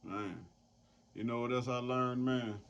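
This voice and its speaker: A man's voice: medium pitch, steady tone, a little slow, clear, resonant tone. A man hosting a casual roundtable chat, loose and profane, rambling as he talks. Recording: dull lo-fi sound, faint noise.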